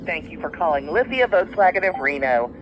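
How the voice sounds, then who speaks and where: A man's recorded automated phone menu, heard over a phone speaker, reading even prompts. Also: a little high, a little fast, highs cut off. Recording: distant noisy phone speaker.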